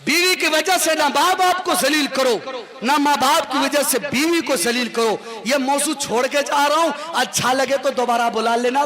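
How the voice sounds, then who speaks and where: A maulana telling a funny moral story on stage, animated and often shouting. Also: male voice, very high voice. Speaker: maulana, preacher. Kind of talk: humorous moral storytelling sermon. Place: stage at a live poetry gathering. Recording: live event with loud crowd.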